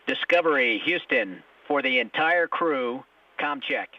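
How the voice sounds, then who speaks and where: A man giving measured, formal procedural calls as a mission control communicator in astronaut radio style. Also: mid-range voice, lively intonation, slight background noise. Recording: dull band-limited radio link.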